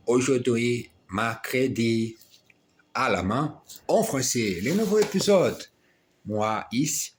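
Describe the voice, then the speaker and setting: A man with a foreign accent, a non-native speaker practising French aloud, hesitant and often repeating words and phrases. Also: mid-range voice. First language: not French. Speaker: language learner recording daily practice. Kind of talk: self-recorded language practice talk, halting French.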